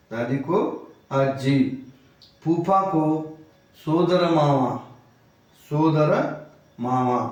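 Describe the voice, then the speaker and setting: A man from Karnataka teaching a spoken lesson, repeating each word slowly and stressing its pronunciation. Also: mid-range voice, a little mellow. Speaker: language teacher. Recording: very echoey room, voice far from the mic.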